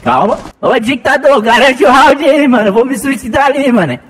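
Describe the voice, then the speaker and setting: A man putting on a thin falsetto voice, loud and whiny while swearing through gamer banter. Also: lively intonation, fairly quick, breathy edge, heavily acted. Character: shrill squeaky-voiced young guy, brash and cursing.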